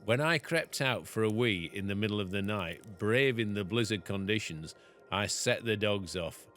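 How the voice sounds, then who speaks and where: Low-voiced man reading aloud. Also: animated, moderate pace, a bit bright, soft background music. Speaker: farmer reading his book aloud.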